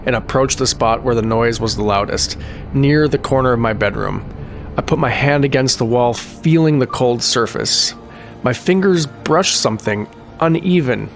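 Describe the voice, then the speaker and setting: Male narrator for first-person scary story, mid-range voice, dramatic and suspenseful, music bed underneath. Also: medium pitch. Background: music behind the voice.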